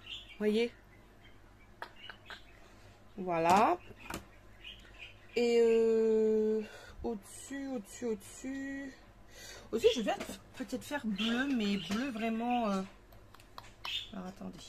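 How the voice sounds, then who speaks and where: A woman's voice: a little high, takes it slowly, long pauses, darkish tone. Chatty woman with bird noise. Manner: chatty, thinks aloud with many fillers. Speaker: craft tutorial host. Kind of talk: casual craft demonstration. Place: home craft table with parakeets and kids nearby. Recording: noticeable home background noise with bird chirps.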